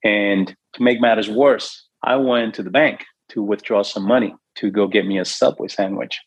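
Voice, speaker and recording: A man's voice: on the low side, steady tone, moderate pace, husky, dry recording, low-quality recording. A middle-aged man from New York, a real estate investor and guest, telling his life story earnestly and acting out the voices in his head. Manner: earnest, acts out his own inner voice. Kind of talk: emotional storytelling.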